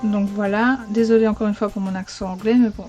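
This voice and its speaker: A woman's voice: medium pitch, steady tone, fairly quick, music in the background. A woman with a Belgian French accent chatting casually as a video blogger, rambling a little and correcting herself as she goes. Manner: chatty, rambling, frequent self-corrections and fillers. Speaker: beauty vlogger.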